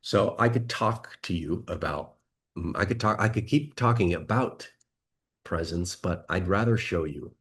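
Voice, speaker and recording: A man coaching listeners, talking calmly and leading them through a slow guided breathing exercise with many questions. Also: low-pitched. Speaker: dating and confidence coach.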